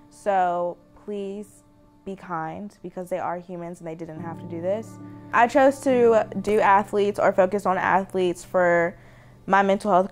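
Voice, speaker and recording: A woman presenting her documentary from a living-room couch, speaking earnestly and in a measured way. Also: on the low side. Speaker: documentary director and host. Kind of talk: direct-to-camera documentary introduction.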